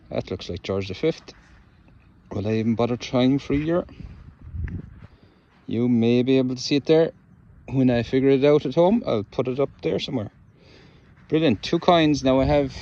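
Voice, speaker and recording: A man's voice: medium pitch, darkish tone, highs cut off. A middle-aged man chatting to viewers as he metal detects in a wet, windy farm field. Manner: chatty, talks to viewers while digging. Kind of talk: casual outdoor commentary. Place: open farm field in wind and rain.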